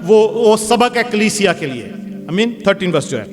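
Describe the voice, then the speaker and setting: A pastor, a man, preaching a sermon loudly and forcefully in a church. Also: sits high, sing-song. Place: church hall. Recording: reverberant church hall with music behind.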